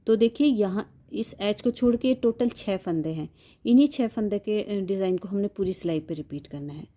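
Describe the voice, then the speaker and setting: A woman's voice: medium pitch, normal speed, dark tone. A woman giving a step-by-step knitting tutorial, patiently counting stitches aloud and repeating each instruction.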